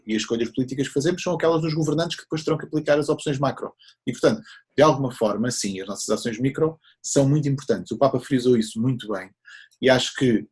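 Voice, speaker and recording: A man's voice: medium pitch, a little mellow, slightly rough. A man, a scout leader answering interview questions in an earnest, explanatory way.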